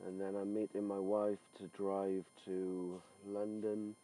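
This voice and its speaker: A man's voice: fairly low pitch, completely flat delivery, takes it slowly, mellow, low-quality recording. A middle-aged man, a swimming coach, talking informally as he records a podcast diary of his working day. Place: on the move: car, outdoors, poolside. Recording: background noise from travel and outdoors.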